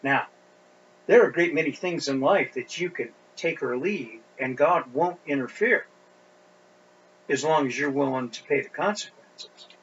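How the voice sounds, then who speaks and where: A middle-aged man preaching an expository sermon as a pastor, speaking deliberately and pushing up his voice on stressed points. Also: fairly high pitch, fairly bright tone, breathy edge. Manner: deliberate, with emphatic rising stresses. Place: church sanctuary. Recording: dull lo-fi recording with faint hum.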